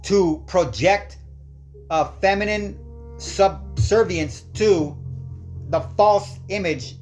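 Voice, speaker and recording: Heated, scornful host over faint music. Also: mid-range voice. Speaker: channel host. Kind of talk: ranting monologue.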